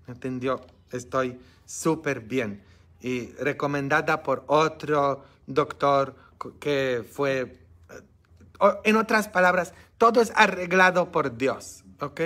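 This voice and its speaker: A man preaching as a priest in a lively Bible study, swinging from shouting peaks to hushed asides, with chatty tag questions. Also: on the high side. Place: church.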